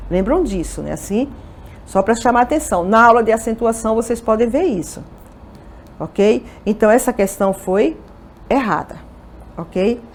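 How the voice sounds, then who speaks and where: A woman's voice: on the high side, animated, moderate pace. Woman teaching grammar. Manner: explanatory, poses questions and answers them herself; checks in often with "ok?" and "tá vendo?". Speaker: Portuguese teacher. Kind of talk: exam-review lesson.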